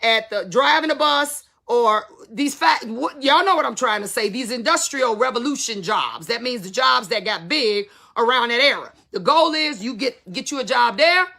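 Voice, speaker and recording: A woman in her fifties talks straight to her viewers about running a salon, candid and emphatic, full of casual slang. Her voice sits a little high and sounds bright and forceful. A gravelly fry runs under many of her words. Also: lively intonation, normal speed, few pauses. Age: 50s. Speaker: salon business educator.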